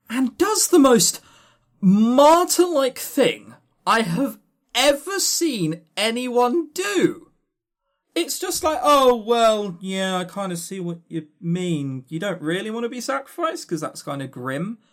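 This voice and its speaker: A high-voiced man co-hosts a podcast, offering casual, opinionated game reviews. He's blunt, sweary and scornful, stammering for emphasis.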